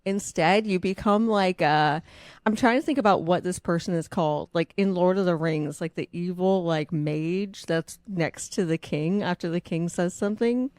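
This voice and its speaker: A young woman with a lowish voice chats on a podcast in a playful, giggly way. The recording is dry and close. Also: moderate pace, darkish tone, dry recording. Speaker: podcast co-host. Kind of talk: casual chat.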